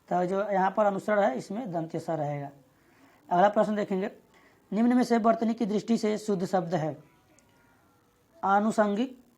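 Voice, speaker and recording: A woman leads an exam prep lesson, reading every question and its answer choices aloud and then working through the solution. Her medium-pitched voice is mellow and a bit breathy, and she keeps a steady, methodical pace.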